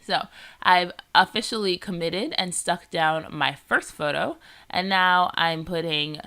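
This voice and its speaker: Nasal and stuffed up from a cold, this woman narrates her scrapbooking in a vlog with a fairly low, bright, forceful voice. She keeps a measured pace but rambles chattily, dropping "like" and "um" often.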